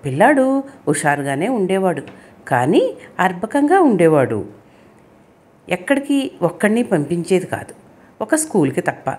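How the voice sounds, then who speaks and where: A woman narrating a written short story with an expressive, emotional reading. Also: lowish voice, moderate pace, long pauses, breathy edge.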